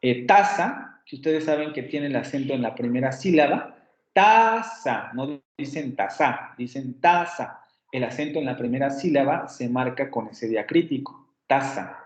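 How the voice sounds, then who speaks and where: A man's voice: mid-range voice, normal speed, few pauses, darkish tone. A man with a Mexican Spanish accent giving a university phonetics lecture, explaining step by step, repeating example words aloud and correcting himself often. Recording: roomy, dull lo-fi sound.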